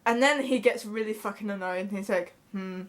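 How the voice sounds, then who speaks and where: Speaking fairly quickly in a mid-range voice, a young vlogger from Scotland talks casually to a close-up camera in her small bedroom. She's blunt and swears without hesitation.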